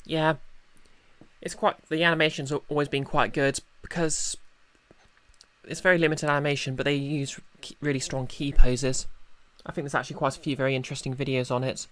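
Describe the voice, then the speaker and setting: A woman's voice: very deep voice, little pitch movement, fairly quick, a bit bright. A woman, chatting casually as she streams a game. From United Kingdom. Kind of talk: casual livestream chat. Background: music.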